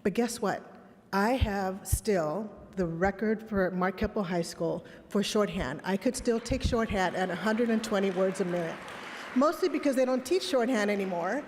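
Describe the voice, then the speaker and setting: Her mid-range voice is a bit mellow and moves at a normal speed, with slight background noise in the recording. A middle-aged conference speaker whose first language was Spanish, she hails from a Texas border town, grew up in Los Angeles, and offers a candid keynote of personal stories and rhetorical questions. Long reverb fills the large hall.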